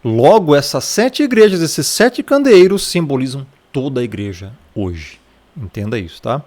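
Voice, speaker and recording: A Brazilian-accented man talks through a Bible passage in a relaxed, conversational lesson. His voice sits at an ordinary middle pitch. He keeps checking in with the listener and pointing at words in the text as he explains them. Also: moderate pace. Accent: Brazilian Portuguese. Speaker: Bible teacher. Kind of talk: casual Bible study lesson.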